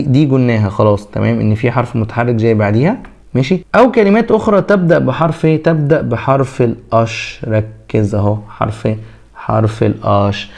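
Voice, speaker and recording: A man with an Egyptian Arabic accent teaching a French pronunciation lesson, drawing out example words slowly and answering his own questions. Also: medium pitch, creaky, a little mellow. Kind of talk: classroom lesson.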